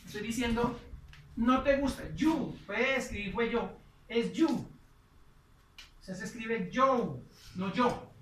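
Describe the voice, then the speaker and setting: A woman teaching English grammar in Spanish, patiently repeating and slowing down her example sentences. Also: a little high, a little hiss or hum. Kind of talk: explaining English grammar on a whiteboard. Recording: echoey room, voice from a distance.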